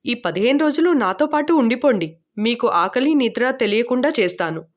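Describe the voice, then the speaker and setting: A boastful young man who likes to show off what he knows, in a storybook reading, as a woman narrator puts him on. His lines leap up eagerly and then sink low when he backs down, with a woman's mid-high voice underneath. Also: animated, normal speed, lightly acted.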